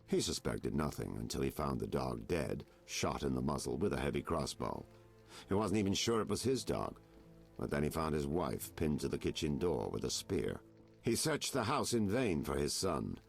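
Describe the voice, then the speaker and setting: An actor playing a world-weary private detective in a video game, with a theatrical, insinuating noir delivery. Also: male voice, rumbling low, vocal fry, breathy edge, full character voice. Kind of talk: video game dialogue acting.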